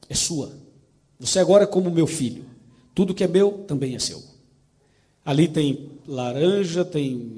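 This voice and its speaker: A preacher voicing a gentle generous farmer. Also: male voice, fairly high pitch, husky.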